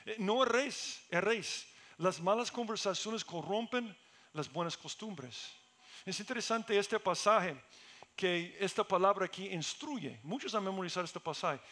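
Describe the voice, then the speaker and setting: High-voiced pastor preaching with fervor. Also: male voice, animated, measured pace, pushed and bright. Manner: earnest, rising to emphatic peaks. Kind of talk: sermon.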